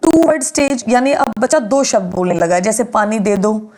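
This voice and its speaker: A woman's voice: mid-range voice, animated, normal speed, darkish tone, poor audio. A woman teaching an exam-prep lecture, explaining step by step and asking and answering her own questions.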